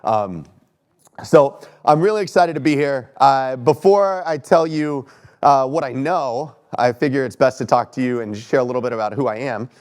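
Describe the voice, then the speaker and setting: This conference talk comes from a man from Texas in his thirties, the keynote speaker, using a medium-pitched voice at a moderate pace. A bit stuffy from allergies, he speaks on a lecture hall stage in a conversational, self-deprecating way, asking the audience questions.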